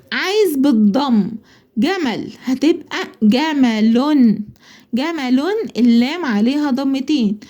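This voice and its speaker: A woman with an Egyptian Arabic accent teaching a children's Arabic lesson. She asks herself questions and answers them, slowing down to spell words out. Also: sits high, mellow. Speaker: primary school Arabic teacher. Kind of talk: explaining a school lesson.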